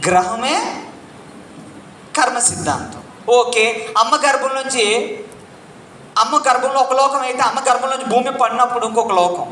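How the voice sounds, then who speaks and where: A man giving an interactive spiritual lecture to a live audience, quizzing them and pressing them to answer loudly, repeating key points like a chant. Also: very high voice, fairly even intonation, a little fast, long pauses, a little hiss or hum. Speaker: spiritual teacher. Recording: echoey room.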